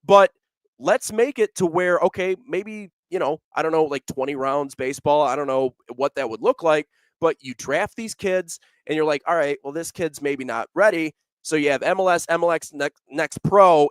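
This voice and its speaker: A man's voice: on the high side, normal speed, smooth, no room sound. A man hosting a sports podcast in casual talk, rambling a little as he reads listener comments. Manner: conversational, many fillers and restarts, reads out comments. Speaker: podcast host.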